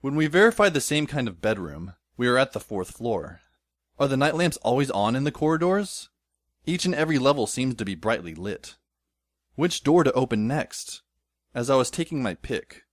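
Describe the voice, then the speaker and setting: Lightly acted and sing-song, a mid-range male voice moves at a moderate pace with no room sound. The character is a wry teenage schoolboy, telling his adventure in dry, descriptive first-person narration for an audio drama.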